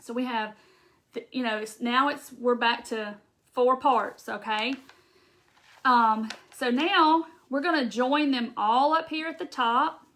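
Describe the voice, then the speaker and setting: Here the Southern craft host sounds on the high side and fairly bright, taking things slowly. Hosting a live demonstration, she addresses her audience and responds to their comments mid-project, rambling, restarting, and laughing.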